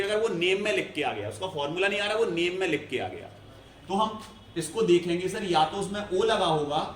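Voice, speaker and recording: A man's voice: a little high, a bit bright, a little hiss or hum. Man lecturing in an echoey classroom. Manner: explains step by step, often checks "clear?". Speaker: chemistry teacher. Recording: echoey room, faint ambience.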